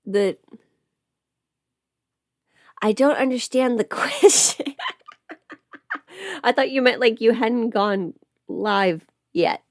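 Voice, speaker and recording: Sick at home with covid, a woman hosts a livestream as an audio creator, chatting casually while thinking aloud and cutting herself off. Her fairly high voice is expressive but very slow, with long pauses, captured in a dry, studio-quality recording.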